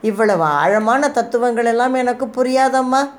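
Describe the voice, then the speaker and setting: A woman's voice: a little high, normal speed, pitched above the performer's own voice, natural voice. A woman voicing a frightened young woman who begs anxiously to be taken to safety, in a storybook reading. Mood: pleading. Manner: pleading, anxious.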